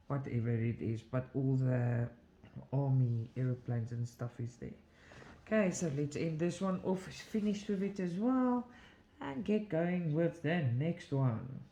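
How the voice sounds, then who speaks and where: A woman's voice: very deep voice, dark tone. A woman hosting a cross-stitch channel from her home, chatting casually while she stitches, rambling through asides and laughing often. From South Africa. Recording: roomy echo, faint background noise.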